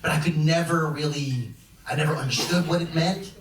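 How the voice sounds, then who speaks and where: A young Chicago man performs stand-up on a comedy club stage before a laughing audience, rambling loosely and restarting often. His voice is a little high, fairly even, and fairly quick, captured from far off in an echoey room with a little hiss or hum.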